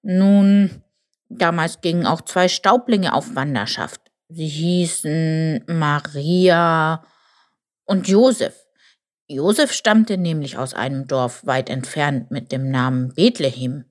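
A woman voicing a grumpy old male buffalo who mutters and grumbles slowly. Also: low voice. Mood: grumbly.

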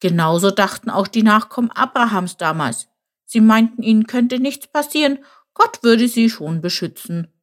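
A woman's voice: on the high side, animated, moderate pace, pitched above the performer's own voice, natural voice. Woman doing Kanis, a wry little jackal. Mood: wistful. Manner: knowing, leisurely storyteller. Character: small clever male jackal, wry and slightly scornful.

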